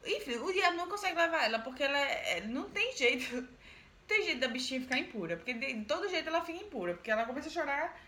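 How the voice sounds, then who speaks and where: A woman's voice: high voice, big pitch swings, rapid-fire, sharp tone. Chatty woman retelling a folk tale. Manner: chatty, emphatic repetitions, asides to the listener. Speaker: storyteller. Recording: roomy echo, faint background noise.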